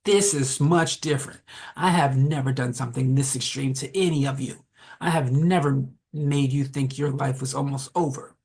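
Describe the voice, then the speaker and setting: A man's voice: mid-range voice, moderate pace, a little mellow, slightly rough. A man playing a terrified, pleading young man. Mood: indignant. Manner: pleading, desperate. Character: terrified young man trapped in a haunted house.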